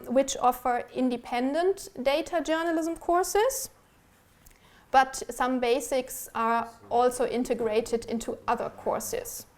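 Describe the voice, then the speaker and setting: An academic researcher with a fairly high voice presents prepared slides, explaining her material in a measured way.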